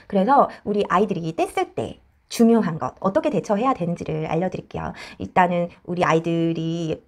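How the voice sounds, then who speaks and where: A woman child counselor giving parenting advice in a lively explanatory way, acting out the voices she quotes. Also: fairly low pitch, a little fast. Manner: animated, acts out quoted voices.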